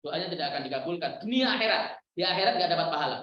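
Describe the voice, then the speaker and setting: Animated preacher in an echoey hall. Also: male voice, racing. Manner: animated, acts out prayers in a hushed low voice. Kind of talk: Islamic sermon with Q&A. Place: school hall. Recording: echoey hall, dull lo-fi sound.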